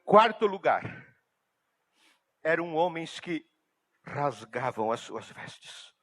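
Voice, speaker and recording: A male pastor preaching a sermon, emphatic and swinging from hushed, slow passages to loud, high-pitched outbursts. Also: very animated.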